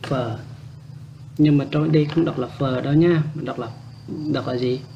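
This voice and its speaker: A man teaches a casual language lesson in a mid-pitched, gravelly voice. He says each example word slowly several times and adds light, joking asides. The recording is dull and lo-fi, with faint room noise behind him. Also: steady tone, mellow.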